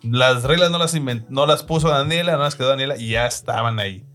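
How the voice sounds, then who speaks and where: A man's voice: mid-range voice, brisk, fairly bright tone, faint music behind. A man with a Mexican accent hosting a casual chat, reading viewer comments aloud in a laid-back way, swearing often and laughing between comments. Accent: Mexican Spanish. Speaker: host.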